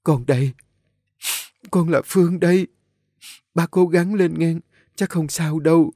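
A man's voice: lowish voice, fairly quick, dark tone, no echo, studio quality, close to an everyday voice. A man voicing a tearful middle-aged woman. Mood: sobbing. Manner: tearful, choked.

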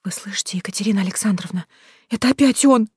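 A woman's voice: fairly high pitch, moderate pace, breathy edge, no echo, studio quality, voice pushed up. A woman voicing a frightened teenage schoolgirl who pleads in tearful whispers. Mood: terrified whisper.

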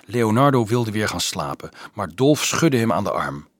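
A man reading a youth novel aloud as an audiobook narrator, in measured storytelling. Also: lowish voice, big pitch swings, dry recording, clean studio sound. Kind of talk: scripted narration.

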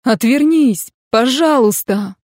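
A woman voicing a frightened young male mage who speaks in quiet, halting pleas. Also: on the high side, expressive, no room sound, studio quality. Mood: pleading.

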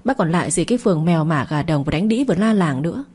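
A fierce, domineering older mother who scolds without letup, as a woman reading the story puts her on. The voice sits low and mellow, with a husky edge. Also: lively intonation, rapid-fire. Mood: bossy. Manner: harsh, scolding and bossy.

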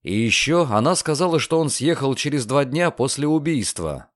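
A man voicing a calm, inquisitive young lawyer in an audiobook, measured and probing. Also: medium pitch, no echo, clean studio sound, natural voice.

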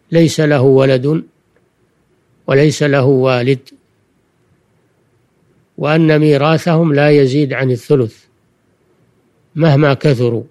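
An older man, a religious scholar, giving a Quranic lesson in formal Standard Arabic, deliberate and didactic, repeating key phrases. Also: a little high, darkish tone. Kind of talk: Quranic exegesis lecture for listeners.

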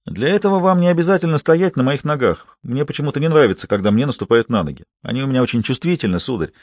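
A man's voice: mid-range voice, lively intonation, fast talker, no echo, natural voice. A man voicing an ironic polite young deputy. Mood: mocking politeness. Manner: icily courteous, ironic. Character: young male deputy, coolly polite and mocking.

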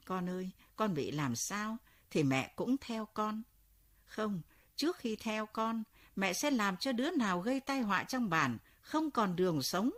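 A grief-stricken young mother from a storybook ghost tale wails her lament slowly, her voice husky and swooping with anguish, as a woman narrator puts her on. The delivery is drawn out and heavy, each cry stretched long. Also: mid-range voice, lively intonation, a bit bright. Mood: desperate vow. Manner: slow, wailing lament.

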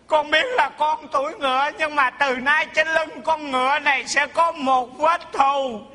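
A man playing a whiny, high-pitched young groom. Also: fairly even intonation, unhurried, bright, forceful tone, full character voice. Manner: complaining, self-pitying. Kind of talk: live stage comedy skit. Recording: echoey hall, audience noise.

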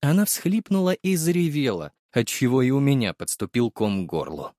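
A man narrating a first-person audiobook in a lively, wry and expressive manner. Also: mid-range voice, normal speed, dry recording, clean studio sound.

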